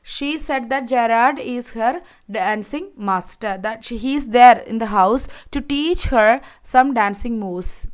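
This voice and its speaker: A woman lecturer speaks in a fairly high, clean and smooth voice. She explains in an informal teaching style, often going back over a point in new words and checking in with the listener. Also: unhurried. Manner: explanatory, repeats and rephrases points, checks with "okay" and "see". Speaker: literature lecturer. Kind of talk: informal lecture summarizing a play.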